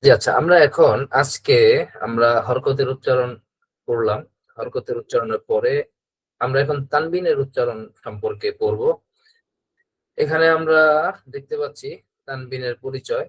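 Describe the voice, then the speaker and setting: A man's voice: medium pitch, normal speed, pauses often. A man with a Bangladeshi Bengali accent teaching Quran reading in an online class over a video call, patiently repeating drills for students to echo.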